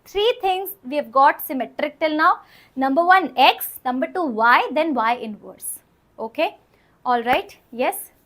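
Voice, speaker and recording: High-pitched North Indian woman teaching. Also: bright, forceful tone. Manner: emphatic, repeats phrases, checks understanding with questions. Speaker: maths teacher. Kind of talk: live online exam-prep lesson, working through problems aloud.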